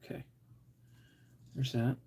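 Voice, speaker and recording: A man hosting a casual livestream, muttering to himself as he builds models and chatting with viewers now and then. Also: slow pace. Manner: mutters to himself while working, drifting quiet. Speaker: livestream host. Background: faint air compressor hum.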